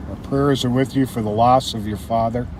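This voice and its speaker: A man's voice: medium pitch, fairly even intonation, a little fast, darkish tone, recorded from a distance, rough recording. Man with whistled S sounds in a car. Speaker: livestream co-host. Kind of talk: casual live patrol chat. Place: moving car on city streets. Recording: clear road and traffic noise. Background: traffic and vehicle noise.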